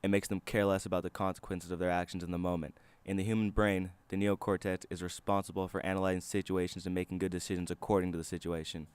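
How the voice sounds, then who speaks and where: A man's voice: low-pitched, flat delivery, fast, hardly any pauses, a little mellow, clean tone, dry recording. A man reading a scripted video essay as a student narrator.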